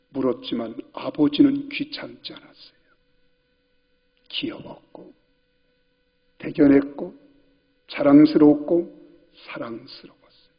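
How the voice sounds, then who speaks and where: A man's voice: medium pitch, husky. A male senior pastor preaching a sermon in a church sanctuary, putting repeated questions to the congregation, in a reverberant hall with dull sound.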